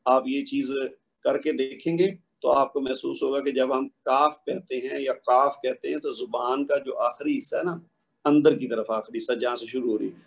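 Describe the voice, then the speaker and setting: Male tajweed teacher, husky edge, patient and explanatory, demonstrates sounds slowly. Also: medium pitch. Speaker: Quran recitation teacher. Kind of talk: spoken tajweed lesson.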